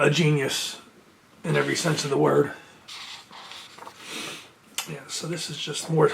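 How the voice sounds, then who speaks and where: A music collector who hosts videos casually chats through unboxing a music box set at home, near his shelves. He enthusiastically reads the liner notes aloud while sniffling from allergies. His voice runs on the high side and creaky, with a little hiss or hum in the background.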